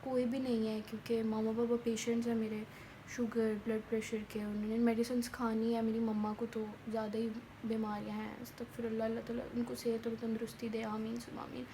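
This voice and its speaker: A young woman with a hoarse, sore throat, chatting self-mockingly into a phone held at arm's length at home. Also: fairly high pitch, little pitch movement, brisk, dark tone, a little hiss or hum. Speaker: vlogger. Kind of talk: casual vlog chat. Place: home, partly on a rooftop.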